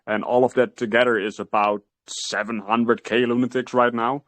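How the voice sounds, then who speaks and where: A man's voice: medium pitch, little pitch movement, normal speed, fairly bright tone, no room sound. A man in a casual online voice chat, asking for help in an easygoing way and often repeating words as he starts. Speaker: community member asking for help.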